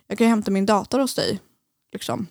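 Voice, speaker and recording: Young woman podcast guest, gravelly voice, dry close sound, halting and full of fillers. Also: medium pitch, fairly even intonation, darkish tone, dry recording. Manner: hesitant, many fillers, speeds up and slows down. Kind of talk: personal story in casual conversation.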